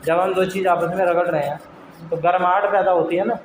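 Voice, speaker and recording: A man with a notably high voice teaches a science class, reading points out slowly and then explaining them in plain terms. He keeps checking in with the class and is firm when they fall behind. The room is echoey with clear background noise. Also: fairly even intonation. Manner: dictates slowly from notes, then explains with everyday examples, repeating "okay"; scolds students firmly. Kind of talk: classroom lecture.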